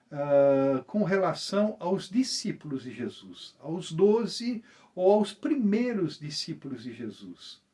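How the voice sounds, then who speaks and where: A man leading a Bible study, reading scripture and explaining it slowly with hesitant fillers. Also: sits high, warm tone. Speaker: preacher. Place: small group gathering.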